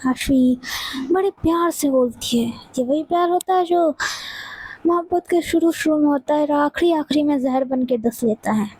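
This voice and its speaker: A woman narrating a romance audio story in a plain, even storytelling manner. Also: high-pitched, moderate pace, dry recording, rough recording.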